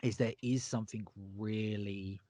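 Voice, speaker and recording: A man's voice: lowish voice, fairly even intonation, measured pace, dark tone, no echo. Enthusiastic man chatting on a podcast. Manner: enthusiastic, emphatic, repeats himself. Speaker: podcast co-host. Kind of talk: casual horror podcast chat.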